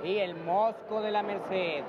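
High-voiced Mexican man, wrestling commentator. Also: steady tone, slow. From Mexico City. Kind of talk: lucha libre commentary and analysis. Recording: muffled, loud crowd and noise. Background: loud arena crowd.

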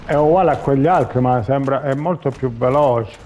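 A man's voice: mid-range voice, moderate pace, a little mellow. A man gives casual commentary while playing a video game. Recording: clear background noise and game ambience.

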